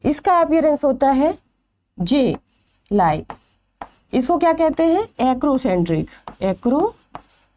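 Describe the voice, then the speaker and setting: A woman's voice: sits high, big pitch swings, measured pace, long pauses, darkish tone, slight background noise. A woman teaching a biology exam-prep lecture. She asks questions and answers them herself, stretching out the key terms.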